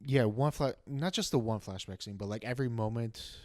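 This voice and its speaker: A young man co-hosting a casual movie review podcast, talking in animated bursts with many restarts. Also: medium pitch, brisk, no room sound, clean studio sound. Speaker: podcast co-host. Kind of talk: casual chat.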